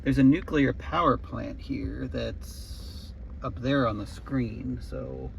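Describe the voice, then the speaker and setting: Gravelly man rambling in an offhand vlog. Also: medium pitch, slow pace. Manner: musing, offhand narration. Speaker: road trip vlogger. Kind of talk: casual rambling vlog chat. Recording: muffled sound with loud background noise.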